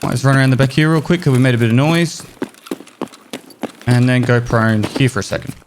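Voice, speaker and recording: A man talks through a shooter game at a medium pitch in a casual, explanatory way. He swears now and then, with loud game sounds and clicks running under his voice. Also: brisk, background noise. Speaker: gaming streamer. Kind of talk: gameplay commentary with tips.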